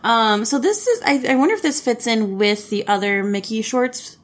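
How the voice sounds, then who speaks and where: A woman's voice: a little high, lively intonation, normal speed. A woman co-hosting a podcast with casual, informal, teasing banter, recorded in a bare uncarpeted room with a warehouse-like echo. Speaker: podcast co-host. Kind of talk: casual banter about cartoons.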